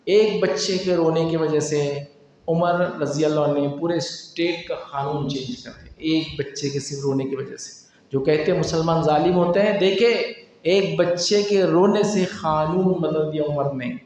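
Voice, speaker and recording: A male preacher from India giving a sermon, telling stories in an animated way and acting out the quotes. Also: fairly high pitch. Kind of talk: sermon storytelling. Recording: echoey hall, distant mic, faint noise.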